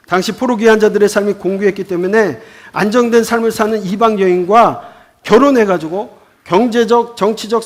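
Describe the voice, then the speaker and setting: A man teaching a Bible school lecture, explaining scripture with rhetorical questions. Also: high-pitched.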